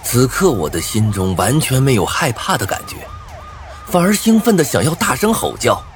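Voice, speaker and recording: A man's voice: medium pitch, sing-song, normal speed. A man narrating a first-person thriller story with a dramatic, swinging delivery.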